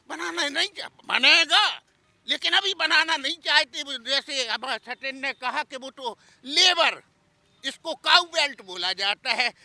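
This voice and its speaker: A man's voice: very high-pitched, pushed and bright, no room sound. A man with a Bundeli accent, an activist making an earnest political case and retelling exchanges in his own words. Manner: earnest, storytelling with quoted exchanges. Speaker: activist interviewee. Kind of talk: impassioned political talk.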